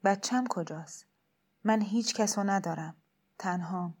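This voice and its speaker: A woman voicing a timid, lonely, desperate pilgrim woman in a storybook reading, speaking quietly and hesitantly. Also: medium pitch, natural voice. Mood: forlorn.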